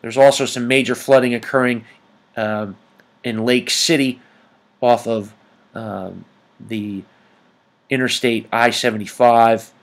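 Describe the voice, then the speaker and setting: A man presents an informal weather report over maps, speaking haltingly with frequent ums as he goes. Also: mid-range voice, steady tone. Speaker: amateur weather report host.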